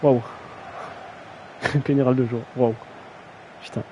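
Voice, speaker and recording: A man's voice: mid-range voice, steady tone, takes it slowly, mellow, dull audio, slight background noise. A young man casually commentating a video game match on a live stream, slangy and self-mocking, often stumbling over player names.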